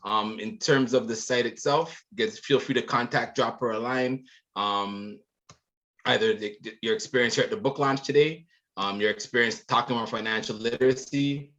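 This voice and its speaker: A man's voice: medium pitch, steady tone, moderate pace, fairly bright tone. A man hosting an online book launch, talking casually with many um fillers. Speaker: event host. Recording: dull lo-fi audio.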